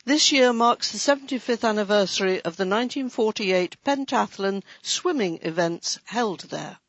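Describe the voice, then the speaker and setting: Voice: medium pitch, lively intonation, normal speed, a bit bright, dry recording. A reader giving a scripted, light-hearted reading of a local council magazine, with playful asides. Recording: dry, dull lo-fi recording.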